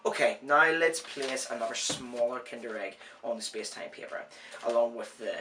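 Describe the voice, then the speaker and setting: Male science host, medium pitch, says w for r, informal and self-deprecating with rambling asides, distant mic. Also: moderate pace, bright, forceful tone, slight background noise. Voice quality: cannot say R clearly, says w for r. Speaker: host of an educational science series. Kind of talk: informal science explainer, part scripted, part ad-libbed.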